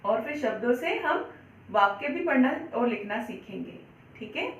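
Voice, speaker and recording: A woman's voice: fairly high pitch, lively intonation, reverberant, distant mic, slight background noise, low-quality recording. A woman teaching a Hindi class to young children, patiently spelling out words, asking questions and answering them herself. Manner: patient, repeats words slowly, asks and answers own questions. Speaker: primary school Hindi teacher. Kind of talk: children's online lesson.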